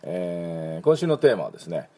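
A man's voice: sits low, sing-song, normal speed, warm tone. A man who runs an English school, giving a pronunciation lesson with many fillers and repeating words for learners to copy. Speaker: English school principal and teacher.

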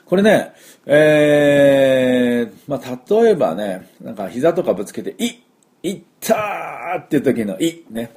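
A man's voice: medium pitch, lively intonation, a little slow, darkish tone. A middle-aged man, a language school principal, giving a casual pronunciation lesson with many fillers and repeated drill sounds.

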